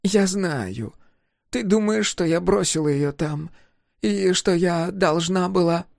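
A man voicing a proud older woman scientist who speaks haltingly. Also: on the low side, creaky, darkish tone, dry recording, studio quality, voice pushed up. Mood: hesitant. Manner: halting, hesitant, apologetic.

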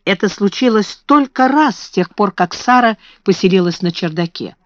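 A woman narrating a children's novel in a measured reading voice, in a dull lo-fi recording. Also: mid-range voice, expressive, no room sound. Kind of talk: scripted audiobook narration.

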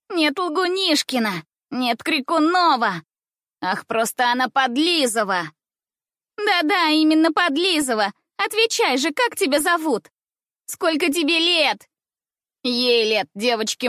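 A woman's voice: sits high, animated, unhurried, a bit bright, no room sound, clean studio sound, voice pushed up. A woman voicing spiteful young schoolgirls who jeer and threaten in a sing-song taunting way, in a storybook reading.

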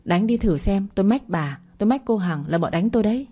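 A woman's voice: mid-range voice, animated, brisk, mellow, husky. A woman voicing a brash, defiant young female housemaid in a spoken story. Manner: rude, then pleading.

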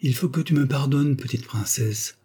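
A man reading the part of a dying old woman who speaks in halting, breathless pleas that drop to whispers. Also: mid-range voice, dark tone, slightly rough, voice pushed up. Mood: pleading.

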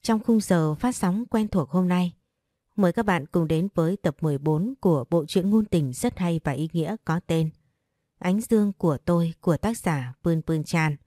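A woman narrating an audiobook-style story for her channel in a measured, calm way. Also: fairly low pitch, no echo, studio quality. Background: faint music.

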